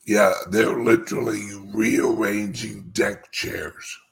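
A very slow-talking, raspy man with a lowish voice and a steady tone, who has a speech impediment. He hosts a cryptocurrency show and delivers informal monologue commentary to his followers. His delivery is emphatic, with repeated phrases and dramatic pauses.

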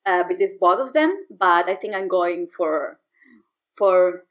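A woman's voice: fairly low pitch, a little slow. A woman co-hosting a podcast in casual chat, playful and laughing often. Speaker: podcast co-host.

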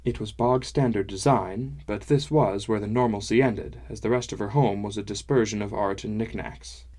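A man reads a fantasy novel aloud in the first person. He keeps a measured, descriptive storytelling pace in a fairly low voice. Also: fairly even intonation, darkish tone. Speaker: audiobook narrator. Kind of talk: scripted first-person narration.

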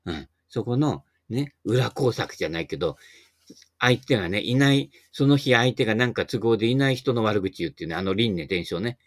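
Middle-aged male host, folksy and rambling, lively swooping delivery, dry close mic. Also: fairly low pitch, fairly quick, no echo. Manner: rambling and folksy, dropping jokes and asides. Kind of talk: casual monologue.

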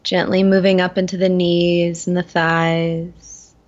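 A woman leading a guided meditation in a gentle, soothing manner, slowly and with long pauses. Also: lowish voice, little pitch movement, dull audio. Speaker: guest guiding a meditation.

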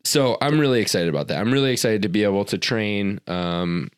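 A man's voice: lowish voice, brisk, clean tone, dry recording, clean studio sound. A man co-hosting a podcast, a fitness coach chatting casually with plenty of fillers and restarts. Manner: rambling, many fillers and restarts. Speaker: podcast co-host. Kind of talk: casual chat.

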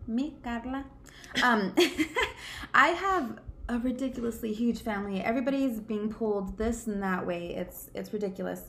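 A woman's voice: fairly high pitch, animated, normal speed, vocal fry, fairly bright tone. A woman guest on a podcast in casual chat, playful and joking with casual slang. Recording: echoey room sound.

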